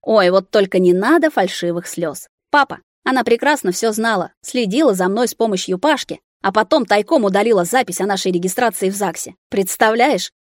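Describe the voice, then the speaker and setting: A woman reading an audiobook, voicing a sarcastic, bitter young man in a wheelchair who shouts at his parents. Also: medium pitch, fairly quick, hardly any pauses, no echo, studio quality, close to an everyday voice. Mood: bitter, shouting.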